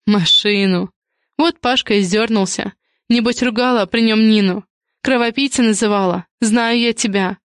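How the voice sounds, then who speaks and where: A woman voicing a shrewd, sharp-tongued female friend who probes and insinuates, in an audiobook. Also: on the high side, fairly even intonation, moderate pace, dry recording, clean studio sound, lightly acted. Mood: probing. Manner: probing, insinuating. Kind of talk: audiobook character reading.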